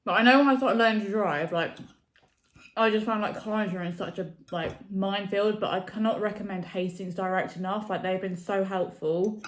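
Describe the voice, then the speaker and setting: A woman's voice: medium pitch, fairly even intonation, moderate pace. A young adult woman chatting casually to camera as a vlogger, rambling with many fillers. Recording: echoey room.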